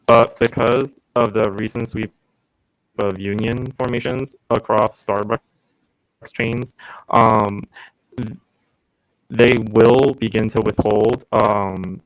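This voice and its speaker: A man's voice: on the low side, steady tone, takes it slowly, long pauses, no room sound, poor audio. Man on a glitchy, breaking-up call line. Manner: hesitant, many fillers and restarts. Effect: glitchy call audio, breaking up. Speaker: caller. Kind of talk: call-in question to a show.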